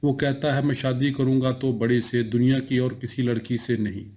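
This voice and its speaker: A man's voice: mid-range voice, level tone, normal speed, a little mellow, natural voice. A man reading a novel aloud, voicing an eager, proud village father in an earnest manner.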